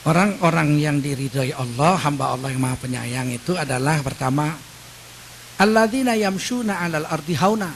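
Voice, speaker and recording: A man's voice: a little high, moderate pace, slight background noise, low-quality recording. A middle-aged man preaching in a mosque, telling stories with acted quotes and sound effects. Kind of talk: mosque sermon with storytelling.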